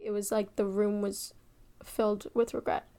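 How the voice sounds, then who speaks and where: A young woman telling a personal family story, emotional and shifting between hushed and excited. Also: mid-range voice, normal speed. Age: young adult.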